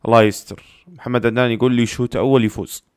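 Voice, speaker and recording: Fast-talking fan repeating anxious pleas. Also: male voice, medium pitch, level tone, clear, resonant tone, no echo, clean studio sound. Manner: anxious, pleading, repeats phrases over and over. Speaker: football fan reacting live. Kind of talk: live match reaction commentary.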